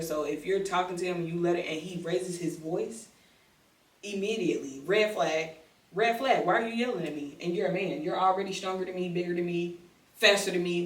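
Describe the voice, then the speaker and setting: A woman as a podcast guest, speaking candidly and emphatically in slangy casual talk. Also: fairly low pitch. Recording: echoey room, distant mic.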